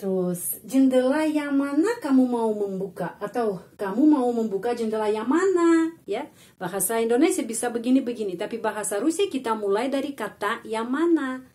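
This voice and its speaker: Woman teaching with lively, careful delivery. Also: a little high. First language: Russian. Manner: slow, careful model sentences with stressed intonation; friendly explaining tone with tag "ya". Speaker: Russian language teacher. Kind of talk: online language lesson.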